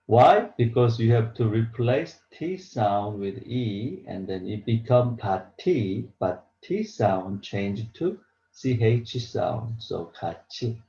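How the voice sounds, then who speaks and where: Man, language teacher, lowish slow voice, halting and repetitive, dull roomy recording. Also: warm tone. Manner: halting, repetitive, simple English explanations. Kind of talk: beginner pronunciation lesson. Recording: roomy echo, dull lo-fi sound.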